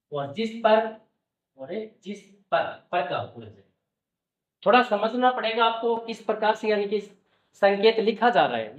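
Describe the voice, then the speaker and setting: A man's voice: sits high, far from the mic. A man teaching shorthand at an easy pace, patiently walking through each sign and checking in with the viewer again and again. He sits back from the mic in an echoey room, and the sound comes through dull and muffled. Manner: patient, repeats "okay" and "look carefully" often. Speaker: stenography teacher. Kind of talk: classroom-style explanation.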